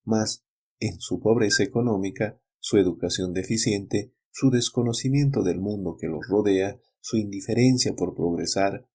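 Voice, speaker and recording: A man narrates folk tales in a measured, slightly dramatic reading. His voice is lowish, husky and mellow. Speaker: reader of legends and tales. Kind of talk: storybook narration.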